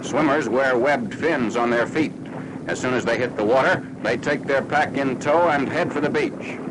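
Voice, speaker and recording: A man's voice: medium pitch, moderate pace, heavy background noise. A man reads scripted military newsreel narration in a formal, matter-of-fact 1940s style, on an old film soundtrack.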